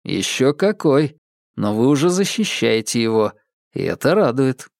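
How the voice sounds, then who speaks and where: A man playing a calm, ironic young male detective with a dry, teasing, unhurried manner in an audiobook. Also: mid-range voice, vocal fry, no echo. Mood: wry.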